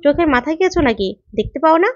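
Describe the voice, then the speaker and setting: Woman voicing a stern, quick-tempered young male tutor. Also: high-pitched, no echo, soft background music, close to an everyday voice. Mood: scolding. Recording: dull, lo-fi recording.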